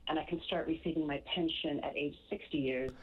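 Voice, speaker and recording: A woman's voice: low voice, fairly even intonation, a little fast, slightly rough. A woman in her forties calling in to a radio show, laying out her situation in an organized, earnest way. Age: 40s. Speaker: caller. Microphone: phone. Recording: tinny phone line.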